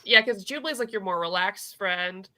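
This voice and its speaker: A woman with a bright, forward voice co-hosts a casual comic book chat. She is gushing and enthusiastic, and slips into quoting characters as she retells the story. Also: medium pitch, moderate pace. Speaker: co-host of a comic book review show.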